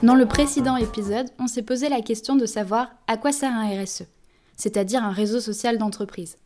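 A woman's voice: fairly high pitch, steady tone, a little fast, mellow, faint music behind. A young woman hosting a podcast, talking to the listener in a friendly, casual scripted way. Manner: friendly, addresses listener directly. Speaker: podcast host.

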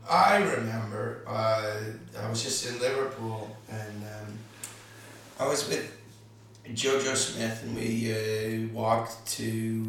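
A comedy podcast co-host tells casual stories, laughing often and using lots of fillers. His voice is lowish and a bit bright, and he speaks slowly. He is recorded from a distance in a very echoey room, with slight background noise.

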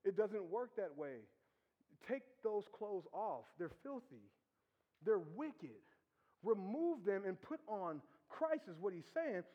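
A man preaching as pastor, conversational and teasing, with rhetorical questions and quick laughs. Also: high voice, big pitch swings. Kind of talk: sermon. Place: church hall. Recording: dull sound with long hall reverb.

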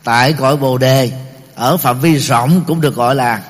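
A middle-aged man giving a Buddhist teaching talk, explaining terms step by step, pausing often and using many fillers. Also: mid-range voice. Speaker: Buddhist lecturer. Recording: long reverb of a large hall.

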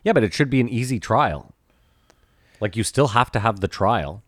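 A man's voice: fairly low pitch, lively intonation, normal speed, dry recording. A man co-hosting a podcast, talking bluntly and loosely in casual chat, with some swearing. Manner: blunt, profane, loose rambling talk. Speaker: podcast co-host.

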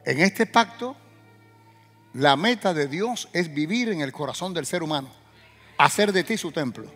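Male pastor, sermon delivery, high ringing voice with sudden loud surges; reverberant hall, soft music bed. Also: lively intonation, a little slow. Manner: preaching with sudden loud rising bursts and direct questions to the congregation.

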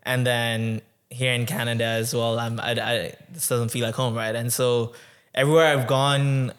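Smooth-voiced young man, level delivery. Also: mid-range voice. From Tanzania. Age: 20s. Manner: relaxed, many "um"s, measured and reflective. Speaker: podcast guest. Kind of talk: conversational interview.

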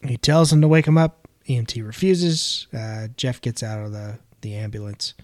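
A man's voice: mid-range voice, steady tone, normal speed, darkish tone, no room sound, clean studio sound. A man hosting a casual podcast, recapping a film scene by scene in plain narration.

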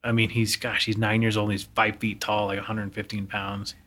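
A man's voice: lowish voice, monotone, moderate pace, pushed and bright. A man in his thirties co-hosting a podcast, telling a personal story earnestly in casual conversation. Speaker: podcast co-host. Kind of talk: casual chat.

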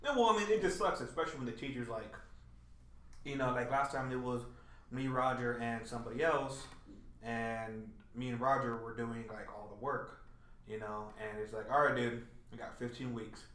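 A young man telling stories in casual chat, animated and profane. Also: medium pitch, moderate pace, roomy sound.

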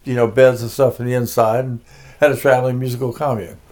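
A man's voice: medium pitch, little pitch movement, fast talker, darkish tone. Older man rambling through his life story. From Connecticut. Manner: rambling, many fillers and restarts. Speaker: interview guest, music producer. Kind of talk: casual interview, life story.

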